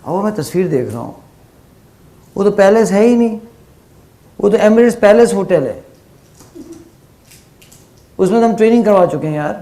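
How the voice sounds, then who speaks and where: A middle-aged male teacher giving a conversational lecture, telling lively stories and asking his listeners questions, with English phrases mixed in. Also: high-pitched, long pauses. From Pakistan. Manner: animated storytelling with rhetorical questions and English phrases.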